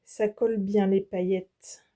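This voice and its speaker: A woman's voice: medium pitch, flat delivery, slow, warm tone. A French woman hosting her embroidery channel, showing off fabrics in a casual, hesitant way with many fillers and restarts. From France. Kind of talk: casual product show-and-tell.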